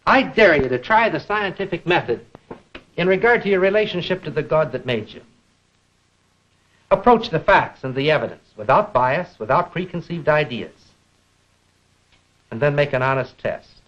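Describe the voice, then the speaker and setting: On a 1950s film soundtrack, a middle-aged American man delivers an educational lecture in a measured, deliberate way, posing rhetorical questions. His voice sits a little high and sounds expressive and fairly bright, with lo-fi audio.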